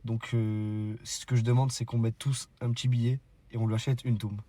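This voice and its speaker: A man's voice: mid-range voice, flat delivery, normal speed, mellow. A man talking casually in French suburban street slang. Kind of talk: casual chat. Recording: clearly noisy background.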